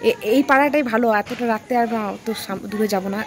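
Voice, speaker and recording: Young woman, high-ish voice, chatty vlog, noisy outdoor phone recording. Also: fast. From West Bengal, India. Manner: excited, chatty, calling out to kids. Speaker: vlogger. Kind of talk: casual vlog narration to camera. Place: village lane outdoors at night. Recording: outdoor phone video with firecracker noise. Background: firecrackers bursting.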